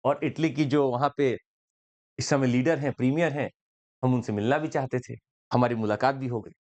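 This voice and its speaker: A male exam-prep teacher lecturing in a chatty, lively style, joking and slipping in English phrases. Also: mid-range voice, moderate pace.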